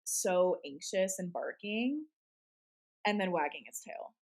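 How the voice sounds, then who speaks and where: A woman's voice: lowish voice, expressive, slow, a little mellow. A woman co-hosting a casual show, reading scary stories and reacting to them in a chatty, giggly way. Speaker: podcast co-host.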